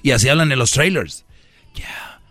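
A man's voice: mid-range voice, animated, moderate pace, sharp tone, no room sound, faint music behind. A man hosting a comedy radio show, teasing and mock-scolding his listeners in slangy casual talk. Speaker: radio host.

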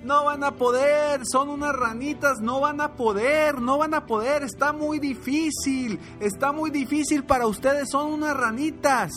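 A man's voice: very high-pitched, measured pace, hardly any pauses, a bit bright, faint music behind, voice pushed up. A man voicing a crowd of forest animals who taunt and jeer, repeating the same mocking lines. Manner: taunting, repetitive.

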